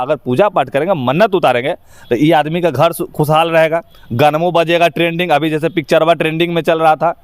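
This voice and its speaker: An actor with a Bihari accent shares his opinions as a guest in an informal interview, speaking emphatically in colloquial, rustic phrasing. His voice is a little high and smooth, and the recording is dry.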